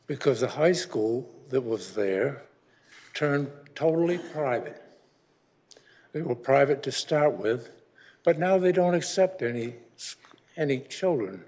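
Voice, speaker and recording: A man's voice: mid-range voice, a little mellow. A man in his eighties giving a rambling, grumbling public comment at a city council meeting. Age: 80s. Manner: rambling and grumbling, with frequent restarts.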